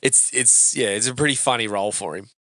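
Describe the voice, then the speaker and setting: Man, relaxed chatty co-host, bright voice, dry studio. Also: medium pitch, fairly quick, no room sound. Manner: laid-back, chatty, laughing. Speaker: podcast co-host. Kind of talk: casual movie commentary.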